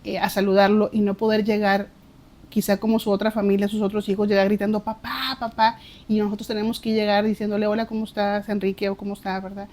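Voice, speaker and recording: A woman's voice: mid-range voice, completely flat delivery, quick pace, a little mellow. A woman, a podcast guest, reflecting on her faith testimony and often repeating words as she searches for them.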